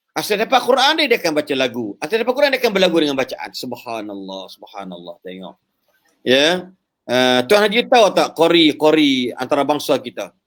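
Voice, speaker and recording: A man giving a lively religious talk over a live call, joking in English and chanting recitations. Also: a little high. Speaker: preacher.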